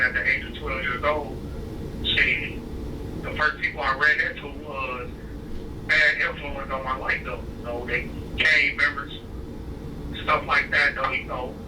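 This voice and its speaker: A man from Ohio, calling in from prison on a phone line, talking in a slangy, laid-back way with lots of fillers. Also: medium pitch. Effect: heard over a prison phone line. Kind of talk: casual interview. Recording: distant echoey phone call with clear noise.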